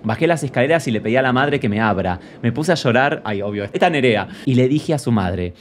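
A man's voice: medium pitch, lively intonation, fairly quick, slight background noise, natural voice. A man playing a brash, gossipy Rioplatense gal pal. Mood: mocking. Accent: Rioplatense Spanish. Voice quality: camp and theatrical, mocks the story as he reads. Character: gossipy, brash female friend character. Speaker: comedy creator reading viewer anecdotes in character. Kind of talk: character comedy monologue.

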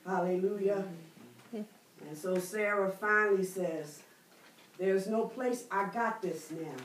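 Preaching at a Bible study in a church library room with bookshelves, a middle-aged woman with a mid-range voice calls for responses and draws out key words. Picked up only by a far camera with no mic, the audio echoes and has a little hiss or hum.

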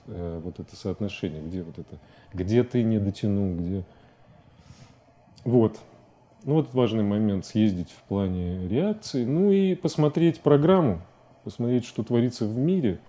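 A man in his forties, an animation filmmaker, speaks as a guest in a casual TV studio interview in a low, very dark, soft-edged voice. He thinks aloud in loose, colloquial phrases that often stop and restart.

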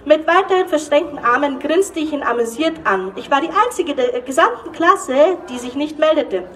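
A woman's voice: sits high, normal speed, distant mic. A woman author giving a live reading from her romance novel, reading with energy and breaking into laughter. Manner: lively reading with bursts of laughter. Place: event hall.

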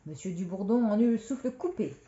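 Lady reading a kids' story out loud, mellow voice, roomy dull sound. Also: medium pitch, a little fast. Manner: expressive read-aloud. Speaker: storyteller reading to young children.

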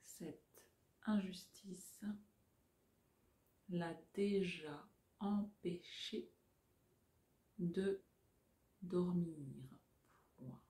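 A woman, around her forties, dictating like a teacher, deliberately and carefully articulated, phrase by phrase. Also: fairly low pitch, mellow, reverberant. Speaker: French teacher giving dictation. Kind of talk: dictating, reading phrase by phrase with punctuation spoken aloud. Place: small furnished room indoors.

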